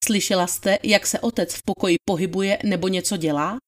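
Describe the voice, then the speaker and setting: This woman's mid-range voice, with fairly even intonation, stays close to how she normally speaks. She's reading a dramatized trial testimony as a methodical male attorney probing a witness with formal questions.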